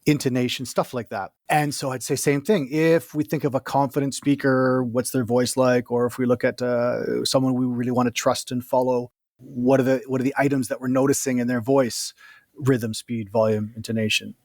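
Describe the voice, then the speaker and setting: A man who works as a communication coach, explaining his method in a lively, chatty way as an interview guest. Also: mid-range voice, dry recording, studio quality. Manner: lively, explanatory, quick bursts and laughs. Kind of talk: casual interview talk.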